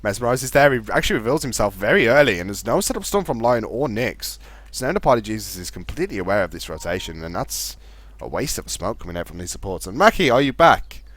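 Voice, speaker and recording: Fast-talking male esports caster. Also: fairly low pitch. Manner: calls his own voice monotone. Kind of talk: live game commentary.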